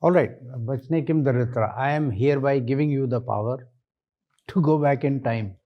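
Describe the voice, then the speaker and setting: Male Indian panellist, creaky mid-pitched voice, deliberate and wry, pressing and correcting a candidate. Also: dull audio. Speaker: interview panellist. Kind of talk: interview questioning.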